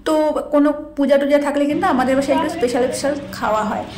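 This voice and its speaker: A woman's voice: high voice, quick pace, echoey room, crowd noise. A young woman vlogging about her day at home, chatty and talking straight to viewers. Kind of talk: casual vlog narration. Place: home indoors.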